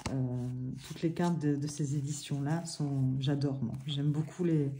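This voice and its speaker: A woman with a mellow, low-pitched voice talks through an oracle book and cards in her living room. She chats casually, filling pauses and apologizing now and then. She sounds like she is speaking to a camera on a tripod. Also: fairly even intonation, a little hiss or hum. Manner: chatty, many fillers and apologies. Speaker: oracle card reviewer. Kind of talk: casual product review.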